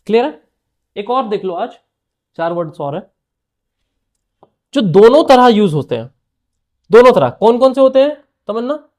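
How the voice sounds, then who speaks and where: A man's voice: high-pitched, very animated, moderate pace, long pauses, a little mellow. A man teaching an English grammar lesson to a class in Hindi, often quizzing students by name and checking they understand.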